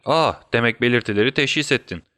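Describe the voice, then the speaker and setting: A man's voice: medium pitch, quick pace, sharp tone, no echo, clean studio sound, natural voice. A man voicing a scheming, mocking villain doctor in a storybook reading, gloating and taunting.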